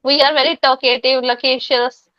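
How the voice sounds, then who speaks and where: High-voiced talkative woman. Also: fairly even intonation, moderate pace, dry recording, highs cut off. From Punjab, India. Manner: talkative, frequent fillers and self-corrections. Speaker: English practice partner. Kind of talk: casual conversation practice.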